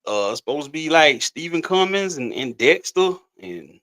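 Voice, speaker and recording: A man's voice: fairly high pitch, very animated, moderate pace, a bit bright. A middle-aged man co-hosting a podcast in casual chat, rambling and laid-back, often restarting his sentences. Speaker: podcast co-host.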